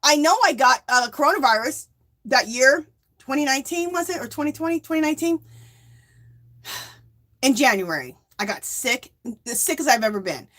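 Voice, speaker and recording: During her yarn crafting livestream, a woman chats casually, reads out viewers' comments, and laughs often, emphatically stressing points with "okay?" and "Hello?". Her voice sits high and is expressive and fairly bright, at normal speed with frequent pauses.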